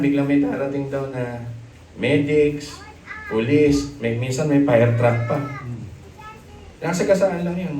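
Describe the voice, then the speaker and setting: A middle-aged man with a Filipino accent preaching a sermon, animated and joking, mixing Tagalog with English. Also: a little high, far from the mic, a little hiss or hum. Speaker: pastor. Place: church hall. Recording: echoey church hall, from off the mic.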